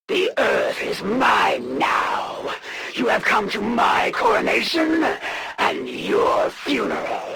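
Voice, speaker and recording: An actor playing a proud, menacing alien assassin, a zealous game villain who speaks with haughty, formal deliberation in a gravelly voice. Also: medium pitch, a bit bright, slight background noise, full character voice. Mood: zealous, defiant. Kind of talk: theatrical video game villain voice lines.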